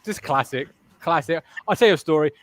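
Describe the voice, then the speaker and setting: A man's voice: on the high side, a little fast, a bit bright, no room sound. An English man hosting a casual fan podcast, joking and laughing as he tells anecdotes. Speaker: podcast host.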